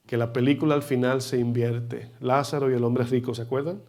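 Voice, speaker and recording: Man, pastor, sermon, church service, emphatic preaching, questions the congregation, loud and soft swings. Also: medium pitch, fairly even intonation, a little fast. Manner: loudness swings widely between phrases.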